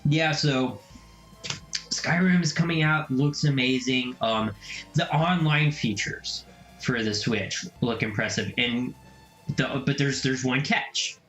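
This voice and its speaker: A young man hosting a casual gaming vlog, talking excitedly and breaking into mocking silly voices. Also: medium pitch, takes it slowly. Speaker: gaming video host. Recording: echoey room, faint music.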